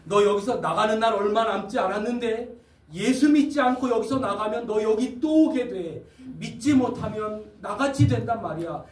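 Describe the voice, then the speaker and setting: A preacher voicing a gruff male death-row prisoner who bullies cellmates into faith, in an echoey hall from a distance. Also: very high-pitched, a little hiss or hum, pitched above the performer's own voice. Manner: bossy, scolding, threatening.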